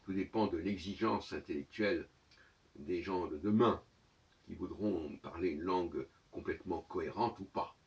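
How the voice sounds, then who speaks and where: A man giving a lecturing monologue on his own channel, professorial and argumentative, pausing on fillers while he searches for words. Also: low voice, far from the mic, slight background noise.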